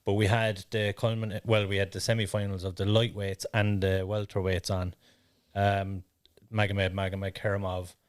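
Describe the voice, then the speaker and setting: A man's voice: fairly low pitch, normal speed, hardly any pauses, clear, resonant tone, dry recording, studio quality. A man co-hosting a podcast, talking casually and animatedly as he gives his views. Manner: animated, laughs often. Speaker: podcast co-host. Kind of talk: casual chat.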